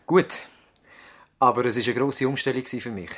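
A male actor takes the role of an earnest, idealistic young doctor in a 1970s radio play, his Swiss German accent coloring measured, formal speech. The natural, medium-pitched voice stays steady with a fairly bright tone, and he sounds respectful and thoughtful.

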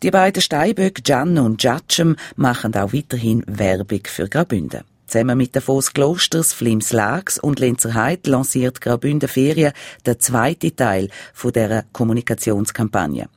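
A man's voice: mid-range voice, lively intonation, normal speed, dry recording. A man with a Swiss German accent reading scripted regional radio news as a presenter.

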